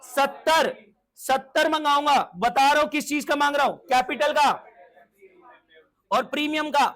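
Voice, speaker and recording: A man's voice: very high-pitched, fairly even intonation, measured pace, fairly bright tone. A man teaching commerce in a classroom lecture, who drills his students to call out answers and keeps asking if they follow. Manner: asks frequent check questions. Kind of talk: classroom lecture in Hindi mixed with English terms.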